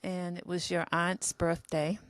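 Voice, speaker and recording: A woman's voice: lowish voice, level tone, measured pace, no room sound. A woman in her seventies, co-hosting a podcast, telling a long personal story in a rambling, self-deprecating way. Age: 70s. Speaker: podcast co-host telling diary stories. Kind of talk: casual storytelling chat.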